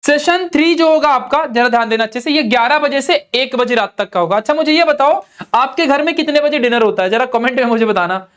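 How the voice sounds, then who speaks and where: A man's voice: very high voice, lively intonation, a little fast, fairly bright tone, clear, resonant tone. A young man with an Indian accent, an online teacher giving earnest, coaxing study advice straight to his students. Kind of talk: motivational study advice talk.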